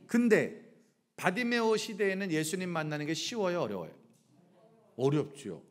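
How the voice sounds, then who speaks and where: A middle-aged pastor preaching a revival sermon in a church, firing either-or questions at the congregation and acting out shouts. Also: male voice, high-pitched, big pitch swings, moderate pace. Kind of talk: lively revival sermon with call-and-response questions. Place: church sanctuary.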